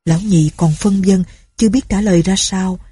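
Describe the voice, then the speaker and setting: A woman reading an audiobook story in a steady storytelling manner. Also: mid-range voice, normal speed, breathy edge, no echo. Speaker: narrator. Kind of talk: audiobook narration.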